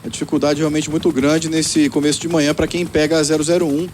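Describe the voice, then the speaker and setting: A man's voice: a little high, flat delivery, darkish tone. A man with a Brazilian accent giving a live traffic report from the field in a conversational way, with fillers. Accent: Brazilian Portuguese. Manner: fast, conversational, many fillers.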